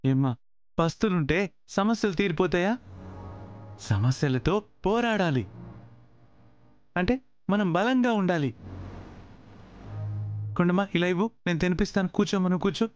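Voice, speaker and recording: A man's voice: high voice, expressive, normal speed, long pauses, dull audio. Kind fatherly man in a tv soap, soothing and coaxing, faint music behind. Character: kind fatherly older gentleman, protective and gentle. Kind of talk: TV serial acting.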